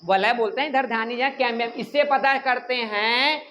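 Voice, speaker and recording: Joking classroom teacher. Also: male voice, very high-pitched, moderate pace, slight background noise. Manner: joking, animated, scolds students. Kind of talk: classroom lecture.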